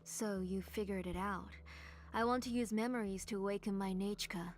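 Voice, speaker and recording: A woman playing a grieving, obsessed villain mother in a video game, delivering a measured, brooding monologue that slips toward breathy near-whispers. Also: medium pitch, fairly even intonation, close to an everyday voice. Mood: sorrowful resolve.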